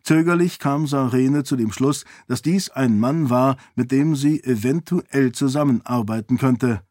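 A man narrates a fantasy audiobook in a measured, even voice of middle pitch. The recording is dry and close, with no room sound. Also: no room sound. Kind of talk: scripted narration.

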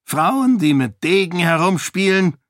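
A blustering, short-tempered king, as a man puts him on. The voice is loud and gruff, pitched a little above the reader's own, and recorded dry and close for a storybook. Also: lively intonation, measured pace, dry recording. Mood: irritable. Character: irritable, blustering middle-aged king.

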